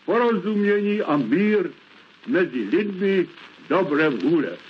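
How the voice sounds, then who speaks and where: A man with a high, lively, sing-song voice speaks very slowly and solemnly over an old radio broadcast. The sound is muffled like a 1930s archive recording, with faint hiss behind it. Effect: old shortwave radio broadcast. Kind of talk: formal radio address.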